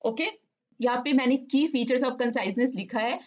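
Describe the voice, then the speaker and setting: Lady teaching an exam lesson, bit high voice, reads the bits slow, dull lo-fi sound. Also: a little mellow. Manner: mixes Hindi and English, reads English answers slowly and deliberately. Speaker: online lecturer. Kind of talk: exam-focused lecture.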